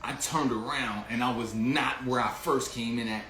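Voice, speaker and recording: Bright-voiced man telling a rambling story. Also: medium pitch, fairly even intonation, normal speed, echoey room, soft background music. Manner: slangy, rambling, with frequent restarts and laughter. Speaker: livestream host. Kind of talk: casual storytelling livestream, greeting chat.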